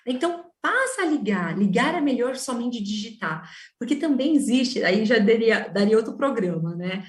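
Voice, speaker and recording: A woman's voice: on the high side, expressive, normal speed. Woman psychologist, distant and roomy. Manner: didactic, stresses words to make a point. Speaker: psychologist guest. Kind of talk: explanatory radio interview talk.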